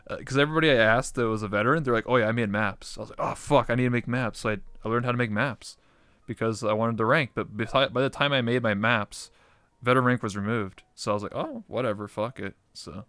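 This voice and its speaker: Male, smooth clear voice, dry close recording, casual rambling chat, slangy and sweary. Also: mid-range voice, a bit bright, no room sound.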